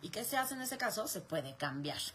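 A woman's voice: medium pitch, very animated, moderate pace, a bit bright, a little hiss or hum. A woman with a Mexican accent answers viewer questions in a live chat, explaining step by step and posing rhetorical questions she then answers. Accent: Mexican Spanish.

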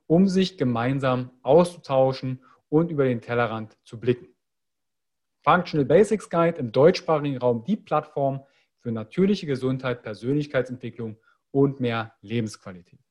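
A health coach who hosts a podcast reads an upbeat promotional intro, then moves into interviewing a guest. He has a mid-range, slightly mellow voice.

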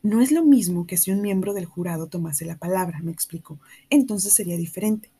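A woman's voice: lowish voice, brisk, dark tone, slightly rough. A woman reading a novel aloud, narrating plainly and giving the dialogue light voices. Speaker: audiobook reader.

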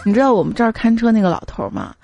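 A woman's voice: fairly high pitch, very animated, very fast, gravelly, warm tone. A woman hosting a comedy podcast, reading listener jokes in a chatty, playful way and acting out the quoted lines. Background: faint background music.

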